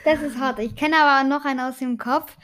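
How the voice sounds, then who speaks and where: A woman's voice: high-pitched, fairly even intonation, a little fast, fairly bright tone, slight background noise. A woman casually telling jokes, often hesitating with fillers as she recalls them from memory.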